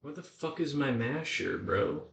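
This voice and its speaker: A man's voice: mid-range voice, animated, a little slow, vocal fry. A man talking casually to himself as he cooks at home, sweary and slangy, in an exasperated mutter. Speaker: home cook vlogger. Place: indoors in a home kitchen. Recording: echoey room, distant microphone.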